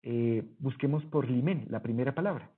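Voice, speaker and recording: A man's voice: medium pitch, moderate pace. A man teaching a Greek lesson over a screen recording, explaining patiently and correcting himself as he goes. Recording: husky voice, phone-like narrow sound.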